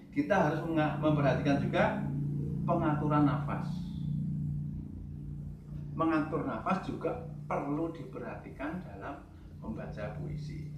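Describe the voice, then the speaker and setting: Male teacher, fairly high voice, heard from a distance in a roomy classroom, measured and emphatic. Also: a little hiss or hum. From Central Java, Indonesia. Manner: talks slowly, stresses key words, asks the class questions. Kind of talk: classroom lesson.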